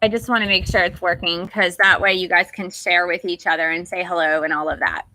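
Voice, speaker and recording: A woman hosting a livestream, talking gently and unhurriedly before leading a guided meditation and greeting viewers in the chat. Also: fairly low pitch, steady tone, fairly quick, a little hiss or hum. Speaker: meditation teacher and channel host.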